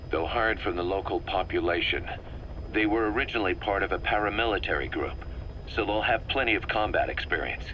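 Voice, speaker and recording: A low-quality recording captures a hardened video game mercenary officer briefing his commander. His voice is low and forceful, his military delivery deliberate and emphatic, carrying a wry intensity over faint background noise.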